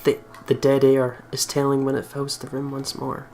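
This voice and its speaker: A man hosts a let's play, reading a visual novel aloud with casual commentary, giggling and stumbling over the text. His voice is medium-pitched, monotone, and darkish, at a normal speed, with faint game music in the background.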